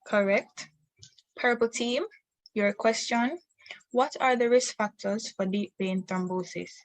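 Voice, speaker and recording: A woman's voice: a little high, slow, rough recording. A young woman hosting a scripted student quiz, reading out questions in a formal way. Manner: formal, reads questions aloud. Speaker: quiz host.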